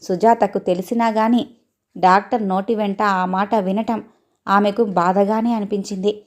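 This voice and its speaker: A woman storyteller narrating a family drama in a steady, clear reading voice. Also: mid-range voice, unhurried.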